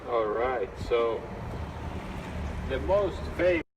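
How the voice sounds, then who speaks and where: A man working as a ghost tour guide, telling stories live to a group in a halting, conversational way. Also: mid-range voice, animated. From Finland. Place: outdoors on city streets. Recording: windy, noisy outdoor recording from a distance.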